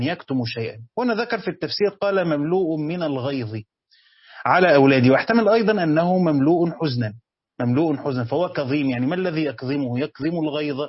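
A man's voice: medium pitch, husky, dry recording, dull audio. A man with an Egyptian accent teaching commentary on a religious text, reading passages and then explaining them in colloquial speech with frequent hesitations. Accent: Egyptian Arabic.

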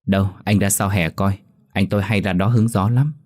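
A man voicing a kind, gentle young daughter of a rich family who talks quickly. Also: low-pitched, fairly even intonation. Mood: lively.

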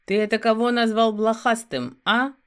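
A woman's voice: a little high, normal speed, clean tone, pitched above the performer's own voice, natural voice. A woman voicing a muscular male werewolf in an audiobook, curt and close to growling. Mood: menacing.

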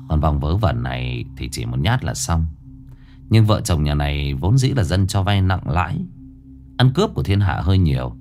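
A man narrating a ghost story in a dramatic, expressive way. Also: low voice.

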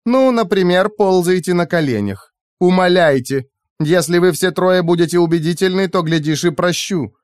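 A cold, sarcastic rogue AI woman, put on by a man, pitched high above a male voice. Her tone drips with honeyed mockery and swings widely. The sound is dry and close. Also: sing-song, unhurried, dry recording. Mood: mocking, cold.

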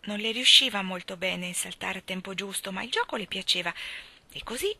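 A woman reading a classic children's novel aloud, with gentle, measured narration. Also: medium pitch, creaky, breathy edge. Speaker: reader.

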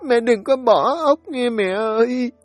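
Man putting on a little child voice, very high, tearful, pleading, audiobook story. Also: measured pace, dry recording, faint music behind. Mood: crying pleading. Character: small frightened child crying for its mother.

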